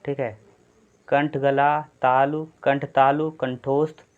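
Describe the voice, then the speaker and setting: A man's voice: mid-range voice, little pitch movement, slow pace. A man teaching an exam-prep Hindi grammar lesson. He explains step by step, repeats points and often checks in with "thik hai". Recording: slightly dull lo-fi sound.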